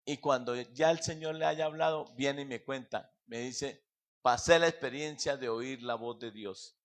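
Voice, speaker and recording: A man preaching with a Colombian accent in a church, then leading a prayer, fervent, with his loudness swelling and fading. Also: mid-range voice, normal speed. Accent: Colombian Spanish. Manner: addresses listeners as brother. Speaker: pastor. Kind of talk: sermon and closing prayer.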